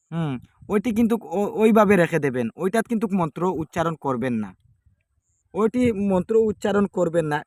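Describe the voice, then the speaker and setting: A man with a fairly high voice talks through a home ritual one step at a time, pausing and circling back to repeat each instruction. There is no microphone, only the device's built-in one, and the sound is close and dry with almost no room echo. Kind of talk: step-by-step spoken demonstration. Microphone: no microphone, device's built-in mic.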